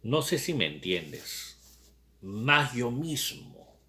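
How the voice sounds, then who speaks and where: A man reading aloud, voicing a brooding young man who longs for freedom, with slow, reflective questions. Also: medium pitch, fairly bright tone.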